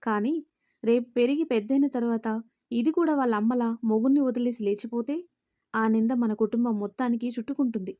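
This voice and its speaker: A woman's voice: on the high side, fairly quick, warm tone, natural voice. A woman reading a stern, scornful old grandmother. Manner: harsh, scornful. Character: stern elderly grandmother, head of a wealthy family.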